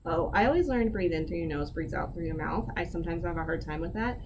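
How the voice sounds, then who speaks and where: Woman coach walking you through breathing, kinda low voice, chatty and honest, noisy background. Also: animated, fast. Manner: candid, gently encouraging, self-deprecating asides. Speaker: wellness instructor. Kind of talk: guided breathing lesson.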